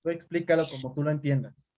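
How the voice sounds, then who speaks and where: A man's voice: fairly high pitch, steady tone, fast, dark tone, highs cut off. A man teaching a class over a video call, calling on students by name and explaining with examples. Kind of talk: online class lecture.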